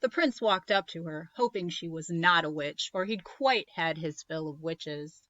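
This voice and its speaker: A woman teacher reading a storybook aloud in a slow, expressive way, on a muffled recording. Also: fairly low pitch, no echo.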